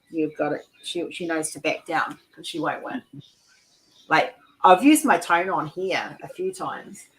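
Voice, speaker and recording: A woman hosts a casual livestream chat over a video call, telling stories loosely and chattily, with frequent "like" and restarts as she rambles. Her voice is lowish, and the rough recording carries a little hiss or hum.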